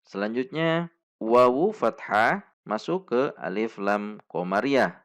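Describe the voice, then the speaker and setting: Slow, patient man teaching recitation. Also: mid-range voice, lively intonation, a bit bright. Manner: patient, repeats sounds slowly for practice. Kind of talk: slow tajwid lesson with demonstrated recitation.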